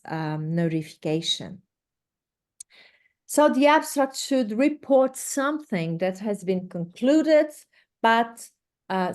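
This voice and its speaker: A Portuguese woman, a native speaker with a Portuguese accent, presents an instructional webinar as a research director. Her voice is on the low side and darkish, and her delivery is hesitant and halting, with frequent pauses and repeated words.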